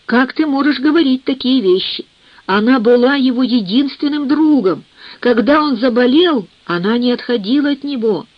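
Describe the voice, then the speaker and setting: A woman voicing a sharp-tongued, indignant grown daughter who speaks fiercely, in a dull, dry recording. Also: high-pitched, lively intonation, moderate pace, no echo, pitched above the performer's own voice.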